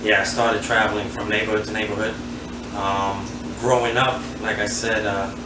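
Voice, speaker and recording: A fresh speaker takes over: a man in his forties from Queens, New York, a handball player reminiscing as an interview guest in a casual setting. His voice sits lowish and runs at normal speed, flat and roomy, captured off-mic amid noise. Relaxed and rambling, he fills gaps with frequent fillers.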